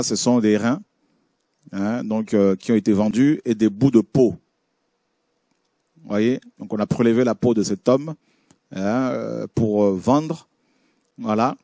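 A man's voice: medium pitch, darkish tone, no room sound, studio quality. A man preaching a sermon, reading scripture aloud and commenting on images, with frequent fillers and restarts. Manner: hesitant, many fillers and restarts.

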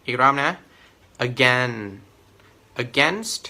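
A man teaching English pronunciation, his voice very bright and forceful. He stretches each model word out slowly and says it several times. Between the words he gives patient explanations. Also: a little high, lively intonation, breathy edge. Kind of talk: pronunciation lesson.

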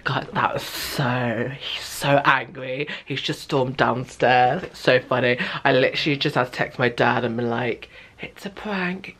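A man's voice: medium pitch, sharp tone, echoey room, recorded from a distance. A young man, playing a prank on his boyfriend at home, insisting and repeating himself and whispering giggly asides. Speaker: prank vlogger. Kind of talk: casual prank vlog.

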